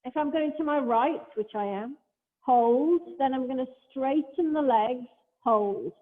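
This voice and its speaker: A woman leading a Pilates class, giving calm step-by-step cues mixed with chatty asides. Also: sits high, unhurried. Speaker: Pilates instructor. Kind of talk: guiding an exercise class. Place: large hall, class streamed over a video call. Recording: echoey hall over a thin phone-like line.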